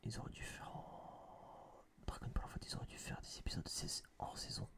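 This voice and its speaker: A young ASMR channel host whispers close to a binaural microphone while reviewing a film, his voice breathy and unvoiced. He talks at a moderate pace in a casual, rambling, blunt style.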